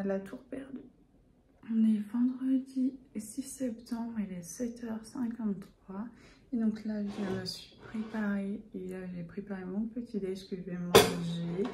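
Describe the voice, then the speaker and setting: A young woman from the Paris area talks through her student week in a casual, meandering vlog style, full of hesitations and fillers. Her voice is very dark and mellow. The sound carries the echo of the room she records in. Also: mid-range voice, slight background noise. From Paris area, France. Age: young adult. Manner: chatty, rambling, hesitant with frequent fillers. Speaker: student vlogger.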